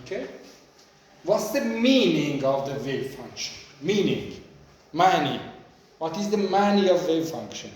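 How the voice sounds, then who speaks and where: Homem professor falando devagar, sala com eco. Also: male voice, on the high side, very animated, far from the mic. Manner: slow, questioning, repeats key words. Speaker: physics teacher. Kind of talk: classroom lecture. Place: echoey classroom. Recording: very echoey room.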